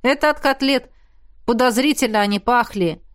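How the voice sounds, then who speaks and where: A woman voicing a sly, teasing dark-eyed teenage boy in an audiobook. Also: fairly high pitch, normal speed, natural voice. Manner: smirking, teasing. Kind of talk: audiobook character voice.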